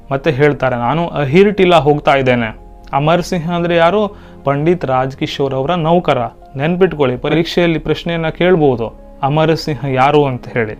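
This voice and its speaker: A man's voice: fairly high pitch, darkish tone, highs cut off. Male Hindi teacher explaining. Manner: reads Hindi lines, then explains them in Kannada. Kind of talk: lesson explaining a Hindi play in Kannada.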